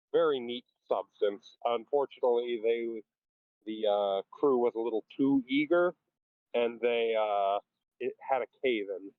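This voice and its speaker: Male player on a phone, lo-fi old-newsreel sound, dry, halting with lots of fillers. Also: mid-range voice, no room sound. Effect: muffled lo-fi sound like an old 1940s newsreel. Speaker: tabletop game player. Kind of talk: casual game chat, recapping his character's research.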